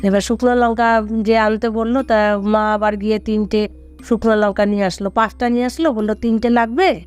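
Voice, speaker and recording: A man's voice: high-pitched, flat delivery, brisk, clear, resonant tone. A man telling a ghost story in casual conversation, rambling and repeating himself with many fillers.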